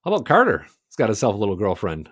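A man co-hosting a casual TV recap podcast, talking in an animated, speculative way. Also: on the low side, racing, husky, no echo, clean studio sound. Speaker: podcast co-host.

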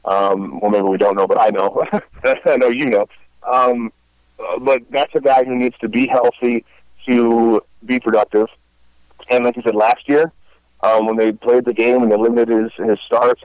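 A man's voice: fairly low pitch, dry recording, muffled recording. A man hosting a baseball podcast in casual chat, rambling with many fillers and restarts. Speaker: podcast host.

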